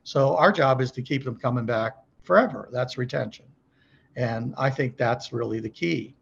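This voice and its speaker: The guest, a car dealership service trainer, speaks at a moderate pace in a mid-range voice that's gravelly, a bit bright and slightly rough, with the highs cut off. His coaching is conversational and emphatic, peppered with rhetorical check questions and staged sample calls.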